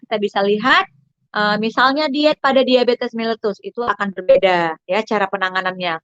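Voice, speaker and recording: A chatty woman coach, her voice sitting a little high. She lectures an online diet class and keeps turning to her listeners as friends. The sound is dry and dull, like lo-fi audio. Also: a bit bright, dry recording.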